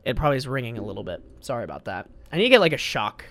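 A young guy runs a casual one-man podcast from a desk studio mic, with no echo in the recording. He's very animated and rapid-fire, his medium-pitched voice slightly bright, as he rambles in slangy, profane talk full of "bro."

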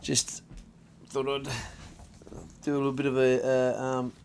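Australian guy, thirties, solo podcaster; gravelly mid voice, casual, swears a lot, rambles. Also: mid-range voice, monotone, measured pace, a little mellow. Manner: laid-back, profane, rambling with many fillers. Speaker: podcast host.

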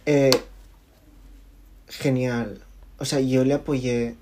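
A young man being interviewed in casual conversation, talking haltingly with many fillers and restarts. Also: medium pitch, little pitch movement, background noise. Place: lives in Barcelona.

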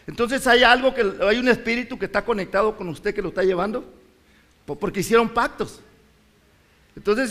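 Middle-aged male pastor, high-pitched, impassioned sermon delivery. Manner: impassioned, rises to shouts and drops low.

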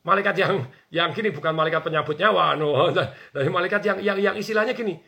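A man talking on a radio show as a business coach, energetic and acting out quoted bosses and workers. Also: high voice, fast talker, vocal fry. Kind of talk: animated radio talk.

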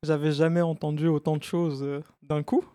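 A man with an Algerian accent, answering slowly and hesitantly with many pauses as a podcast guest. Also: on the high side, level tone, dark tone, dry recording, clean studio sound. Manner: slow, hesitant, full of pauses.

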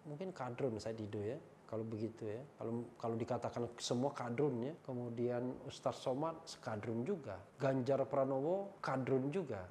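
A man's voice: mid-range voice, moderate pace, hardly any pauses, a little hiss or hum. Wry man reading hostile comments aloud. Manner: wry, chuckling, reads comments louder and answers them quietly. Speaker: YouTube channel host reading viewer comments.

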